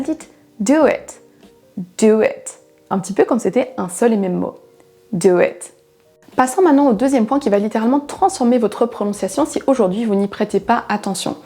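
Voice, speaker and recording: A woman whose first language is French, giving a clear, explanatory online pronunciation lesson as an English teacher and modelling example words slowly with marked stress. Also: mid-range voice, mellow.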